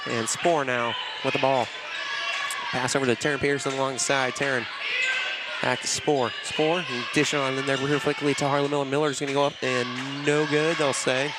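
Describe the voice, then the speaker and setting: A man calling live basketball play-by-play in a brisk, steady way, leaning on "it's gonna be" over and over. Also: mid-range voice. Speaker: play-by-play announcer. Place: school gymnasium during a game. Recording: loud gym noise with bouncing balls.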